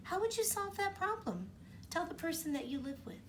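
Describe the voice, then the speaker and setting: With a very high voice and a slightly fast pace, a woman teacher reads a children's storybook aloud, expressively breaking off to ask the kids questions. She's far from the mic, and there's slight background noise.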